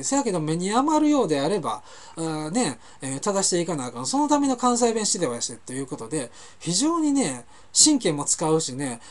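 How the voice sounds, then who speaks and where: A man with a Kansai accent hosting a talk show, telling rambling anecdotes in a casual monologue and often correcting himself mid-sentence. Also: a little high. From Kansai, Japan. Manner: chatty, rambling anecdotes with frequent self-corrections. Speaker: host of a web talk show.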